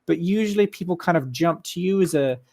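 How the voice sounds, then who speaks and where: A man at an online community meeting, explaining his views in a measured way with frequent ums. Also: fairly high pitch, darkish tone, dry recording, clean studio sound. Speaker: staff member at a community meeting. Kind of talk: casual voice chat.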